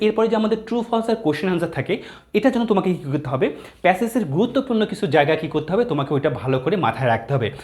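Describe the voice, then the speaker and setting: Male English tutor, somewhat high voice, quizzes and answers himself. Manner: explains in Bengali, reads English phrases slowly word by word; asks questions and answers them himself. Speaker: English teacher. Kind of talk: exam-prep lesson.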